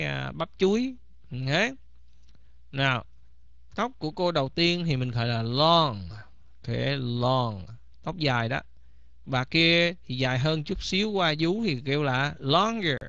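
A man's voice: on the high side, expressive, a little slow, vocal fry, fairly bright tone, dry recording. A man teaching English vocabulary in a bilingual lesson, repeating each word several times. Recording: slightly dull, dry recording.

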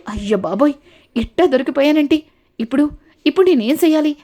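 A woman's voice: high-pitched, fast talker, mellow, natural voice. A woman voicing a scheming young daughter-in-law who fakes tears and panics when caught, as in a recapped TV serial. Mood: whiny, panicked. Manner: feigned tearful complaining.

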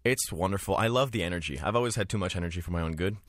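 Deep voiced young french canadian guy, chatty and energetic, dry studio sound. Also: rapid-fire, dry recording. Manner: energetic, chatty, many fillers. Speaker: musical theatre actor. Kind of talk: radio interview guest. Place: radio studio.

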